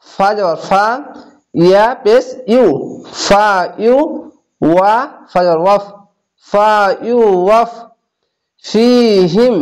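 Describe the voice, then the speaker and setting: A man with a Bangladeshi Bengali accent teaching Quran recitation, spelling out each syllable slowly and then blending it into the whole word. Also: high voice, clean tone. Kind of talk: step-by-step spelling and recitation lesson.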